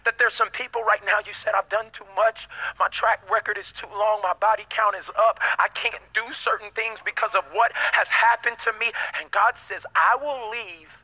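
A man's voice: high-pitched, flat delivery, normal speed, few pauses, bright, forceful tone, low-quality recording. A man preaching a sermon as pastor, emphatic, with call-and-response and casual slangy asides.

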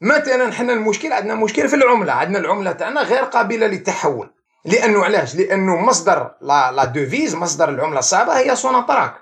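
Talking very fast in a high-pitched voice, an Algerian man who is an economics professor explains things animatedly as an interview guest. French and English terms are sprinkled through what he says.

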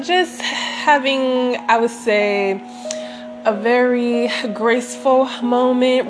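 A woman chatting casually and unscripted to viewers in a reflective, meandering, gently self-affirming way, as a vlogger does. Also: medium pitch. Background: soft sentimental music.

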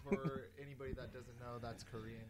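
A man's voice: medium pitch, flat delivery, fast talker, a crowd in the background. A man as a podcast guest chatting casually in short, joking replies. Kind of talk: casual chat.

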